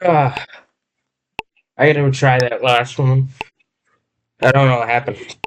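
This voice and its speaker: A man's voice: mid-range voice, steady tone, slow, a little hiss or hum. A man practicing trumpet, talking to himself between exercises, self-critical and sighing, winded from playing, recorded on a laptop microphone indoors. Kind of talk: casual practice commentary.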